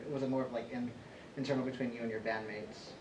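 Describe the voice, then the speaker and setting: A man's voice: mid-range voice, fairly even intonation, fast, background noise. A man asking polite, slightly hesitant interview questions. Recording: echoey, distant mic.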